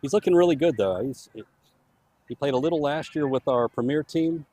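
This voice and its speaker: A man's voice: a little high, normal speed, mellow. A man giving casual, chatty live commentary on a soccer match for the home club. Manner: chatty, easygoing, laughs easily.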